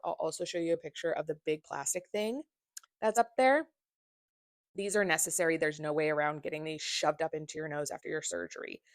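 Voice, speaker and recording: Blunt, low-voiced woman vlogger. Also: no echo, clean studio sound. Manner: candid and blunt, with swearing. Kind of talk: casual personal vlog.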